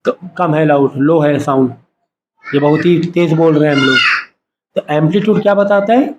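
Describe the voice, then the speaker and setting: In a classroom full of students, a man teaching science lectures and keeps asking short questions for the class to answer, making them repeat terms in call-and-response fashion. His voice is somewhat high and moderately paced, and the lo-fi recording has heavy background noise.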